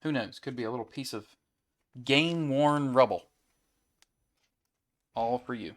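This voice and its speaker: A man's voice: medium pitch, fast talker, darkish tone. Easygoing man rattling off card pulls. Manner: easygoing, rattles off player names between chat. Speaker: card break host. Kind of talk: casual chat while opening card packs.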